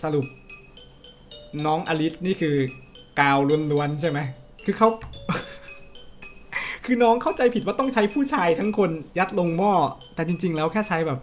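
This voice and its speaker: A man's voice: expressive, measured pace, long pauses, faint music behind. A man giving chatty, joking let's-play commentary while playing a dating game. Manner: chatty, joking, low-key. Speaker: game streamer.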